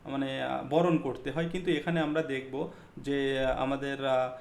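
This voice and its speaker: A man's voice: medium pitch, level tone, a little slow, vocal fry, a little hiss or hum. A man teaching an exam-focused poetry lesson, explaining step by step, mixing in English terms and checking that students follow. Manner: mixes English terms into speech, frequent fillers. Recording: echoey room.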